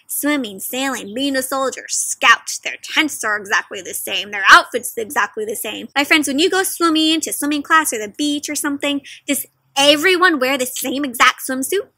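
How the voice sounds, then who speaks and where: A young woman with a bright, high voice reads a picture book aloud to small children outdoors in a leafy garden, with no room echo. She moves at a moderate pace with few pauses, speaking straight to the kids and asking lively, teacherly questions as the read-aloud host.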